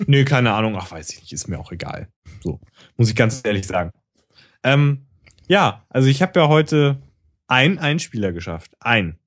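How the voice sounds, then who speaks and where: A man co-hosting a casual podcast chat, teasing and sarcastic with an animated delivery. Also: medium pitch, moderate pace, dry recording, clean studio sound. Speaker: podcast co-host.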